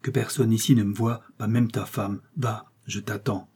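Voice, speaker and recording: A man's voice: fairly low pitch, steady tone, normal speed, a little mellow, husky. A man reading the part of a nobleman in hiding who speaks in a curt, imperious manner. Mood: commanding. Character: commanding male nobleman in hiding, grim.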